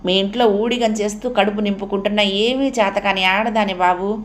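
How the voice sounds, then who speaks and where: A woman's voice: medium pitch, fairly even intonation, close to an everyday voice. A woman doing a tearful pleading young maid. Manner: pleading, sobbing, slow. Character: humble weeping young maid, wife.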